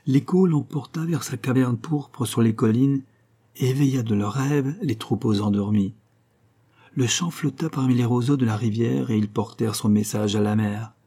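Dark husky male storyteller. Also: mid-range voice, normal speed. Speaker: narrator. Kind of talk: storybook reading.

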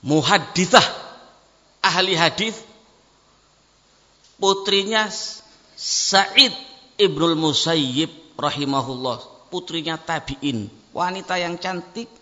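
A male preacher, giving an animated sermon and acting out the people in his stories. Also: a little high, slow, long pauses. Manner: animated, acts out dialogue in shifting voices. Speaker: ustadz preacher. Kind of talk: sermon with storytelling. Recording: muffled, echoey hall recording.

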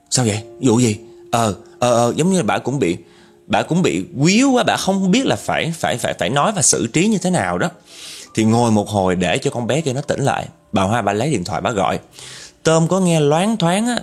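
A man's voice: mid-range voice, breathy edge. A man with a Southern Vietnamese accent telling a ghost story in a chatty way, talking straight to his listeners. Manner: chatty, addresses listeners directly.

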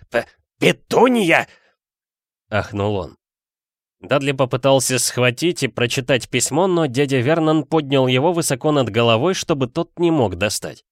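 Male audiobook narrator, steady storytelling, mid-range voice, dry close sound. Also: medium pitch, no room sound.

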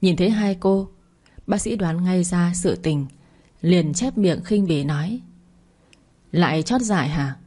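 A woman narrating a dramatic story in a steady storytelling voice. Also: fairly low pitch, a little slow.

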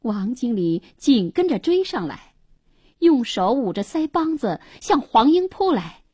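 A woman tells a radio story at an unhurried pace. Her pitch moves widely as she voices each character, and her husky tone sits in a dry, close studio sound. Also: big pitch swings, dry recording. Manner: acts out every character's lines, rising to shouts. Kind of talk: dramatic story narration with voiced dialogue.

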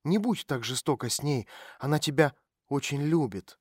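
A man voicing a calm woman private detective who speaks quietly and gently to coax a runaway girl. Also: a little high, normal speed, husky, no room sound, clean studio sound. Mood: soothing. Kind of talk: audiobook character voice.

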